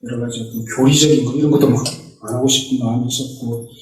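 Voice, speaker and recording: A man's voice: mid-range voice, steady tone, fast talker. A middle-aged man, a church deacon, giving a personal testimony as a story and acting out his family's dialogue. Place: church sanctuary. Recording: echoey church hall, mic far off.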